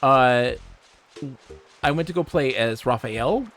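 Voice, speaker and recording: A man's voice: mid-range voice, takes it slowly. Michigan guy streaming, rambling arcade stories, swears a lot, game music faint behind. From Michigan, USA. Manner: animated, swears freely, reads chat aloud. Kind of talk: casual storytelling while livestreaming a game.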